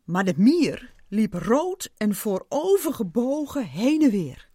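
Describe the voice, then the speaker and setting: Woman storyteller, slow and expressive, lively higher voice, dry close mic. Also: breathy edge, no echo. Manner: expressive, unhurried reading. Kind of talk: storybook narration.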